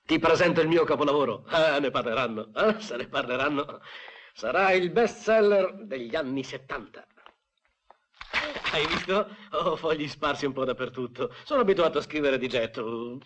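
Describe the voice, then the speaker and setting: A man's voice: a little high, moderate pace, slight background noise, natural voice. A man playing a flamboyant, vain middle-aged writer who talks in a theatrical, effusive way. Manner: theatrical, effusive, swings from hushed to exclaiming. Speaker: eccentric writer and professor. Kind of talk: 1960s Italian film dub.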